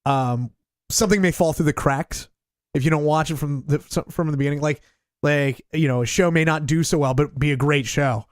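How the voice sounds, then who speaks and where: A man co-hosting a casual podcast, his voice sitting a little high as he gushes with enthusiasm. He stumbles through restarts and laughs easily. The sound is close and dry. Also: fairly quick, dry recording. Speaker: podcast co-host. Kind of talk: casual chat.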